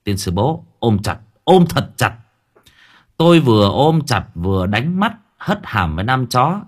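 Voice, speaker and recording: A man narrating a story in a lively, wry storytelling manner. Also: medium pitch, a little slow, husky. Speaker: audiobook narrator.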